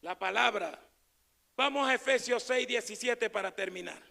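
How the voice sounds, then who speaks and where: High gravelly shouting preacher man. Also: moderate pace, in a large hall. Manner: swings between shouted proclamation and low quiet asides. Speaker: pastor. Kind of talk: evangelical sermon.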